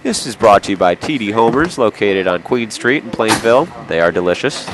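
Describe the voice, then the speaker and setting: A man's voice: lowish voice, lively intonation, fairly quick, background noise. A man with a nasal voice from a cold, calling amateur hockey play-by-play in an indoor arena with chatty, jokey asides. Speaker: play-by-play commentator.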